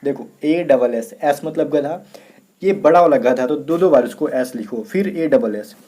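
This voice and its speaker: A man's voice: mid-range voice, mellow. A man from India teaching an exam prep lesson, spelling words out letter by letter and checking in often with his students. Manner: repeats "theek hai" often, spells letters out slowly.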